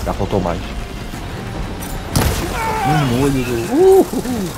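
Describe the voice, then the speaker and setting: A man's voice: high voice, huge pitch swings, slow, over loud music. A man with a European Portuguese accent giving casual gameplay commentary, chatting to the game and swearing when things get tense. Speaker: gaming streamer.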